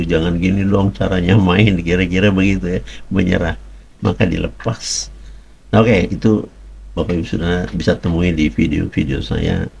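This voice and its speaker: A man preaches in a loose, conversational way, piling up repeated words and turning often to his listeners. His voice sits very low and gravelly, with a husky, breathy edge. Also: darkish tone. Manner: colloquial, repetitive, addresses listeners directly. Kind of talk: conversational sermon.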